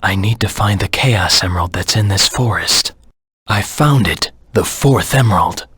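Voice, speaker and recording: A man voicing a brooding, grimly determined hedgehog antihero in a video game, terse and grave, with a gravelly, husky voice. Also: on the low side, normal speed, a bit bright, no room sound, clean studio sound. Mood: grim, focused. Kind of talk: dramatic video game voice acting, scripted monologue.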